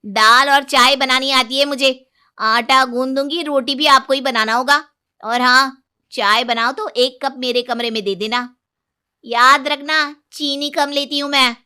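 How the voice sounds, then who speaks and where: A woman voicing a sharp-tongued, defiant young daughter-in-law in a storybook cartoon. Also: high-pitched, lively intonation, measured pace, voice pushed up, exaggerated voice. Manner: bold, cheeky, talks back loudly.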